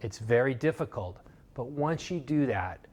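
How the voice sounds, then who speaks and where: A man's voice: mid-range voice, lively intonation, a little slow, darkish tone. A man giving a motivational course lecture, telling a fable in an earnest, emphatic storytelling way. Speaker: motivational speaker.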